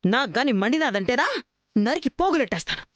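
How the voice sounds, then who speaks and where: A woman's voice: on the high side, lively intonation, fast, lo-fi sound, slight background noise, lightly acted. An actress playing a stern middle-aged mother who scolds sharply in rustic speech, in a TV drama. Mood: scolding. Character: stern scolding rural mother, fierce temper. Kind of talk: television drama acting.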